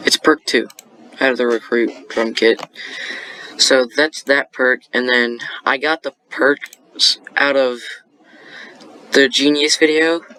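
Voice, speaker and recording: Bright-voiced young man explaining beats. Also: mid-range voice, steady tone, takes it slowly, long pauses, a little hiss or hum. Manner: rambling, many fillers and self-corrections. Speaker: beat-making tutorial host. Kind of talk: casual screen-recorded tutorial.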